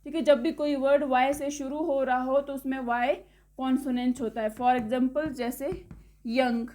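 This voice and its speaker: High-pitched woman teacher going over vowels step by step, keeps checking in, spells words out slow. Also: steady tone, mellow. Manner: explains step by step, often checks in with "okay"; slowly spells words out letter by letter. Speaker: English teacher. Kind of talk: classroom-style lesson.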